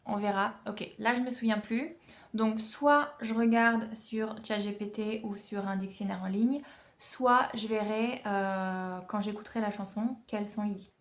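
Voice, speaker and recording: A woman vlogging casually from home about learning songs, chatty and self-mocking, sounding out syllables slowly. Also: mid-range voice, fairly even intonation. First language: French. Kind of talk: casual vlog.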